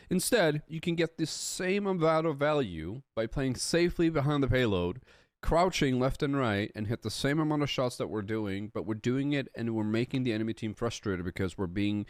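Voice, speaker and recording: Lively blunt male game coach. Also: medium pitch, dry recording, clean studio sound. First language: Swedish. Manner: blunt, nitpicky, profane, talks to chat. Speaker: game coach reviewing a player's replay. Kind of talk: streamed coaching commentary.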